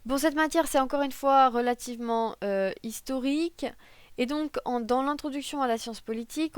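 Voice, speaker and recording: A woman's voice: on the high side, clear, resonant tone, no room sound. Chatty young woman vlogging at her desk. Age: young adult. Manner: chatty, many fillers and self-corrections, joking asides. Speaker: political science student. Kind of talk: casual talking-head vlog. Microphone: desk microphone.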